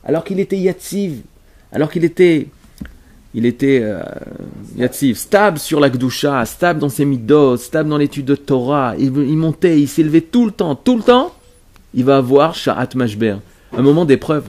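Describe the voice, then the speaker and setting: A man's voice: mid-range voice, moderate pace, a little mellow. A man teaching a religious lesson to a class, speaking emphatically, explaining as he goes and often repeating himself or restarting his phrases. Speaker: Torah teacher.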